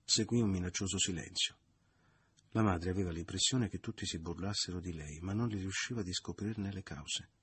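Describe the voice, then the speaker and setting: A man reads a novel aloud in a measured, literary audiobook style. His voice is low and deeply husky. The sound is dry and close, with no room around it. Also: fairly bright tone, no room sound. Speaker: narrator.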